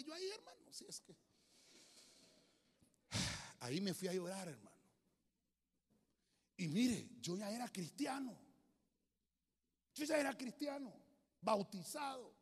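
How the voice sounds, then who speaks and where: Man preaching in a reverberant hall. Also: high-pitched. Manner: storytelling with humor, swings from loud to hushed. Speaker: pastor. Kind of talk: sermon. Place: church hall.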